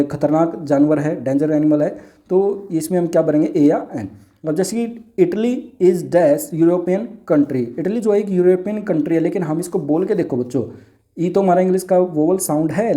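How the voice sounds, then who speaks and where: A man teaching an English grammar lesson, explaining step by step and answering his own questions, reading each example sentence slowly and drawn out. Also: a little high, dark tone. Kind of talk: classroom lesson.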